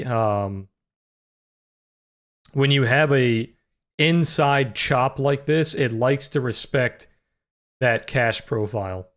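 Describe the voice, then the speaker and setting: Hosting a trading livestream, a young man chats loosely with plenty of filler, and his naturally deep voice now and then cracks into a higher register. It's casual live-stream talk with chat readers.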